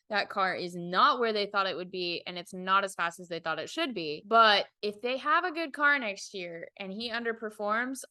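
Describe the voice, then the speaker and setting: Podcast co-host: young woman, forceful bright tone, dry close sound, emphatic and opinionated. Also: medium pitch, clean tone, no room sound. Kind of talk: casual chat.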